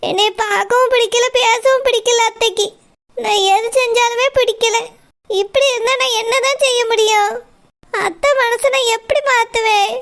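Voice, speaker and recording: A woman voicing a tearful, gentle young daughter-in-law. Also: very high voice, level tone, moderate pace. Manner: soft, pleading and sobbing. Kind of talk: village cartoon voice acting.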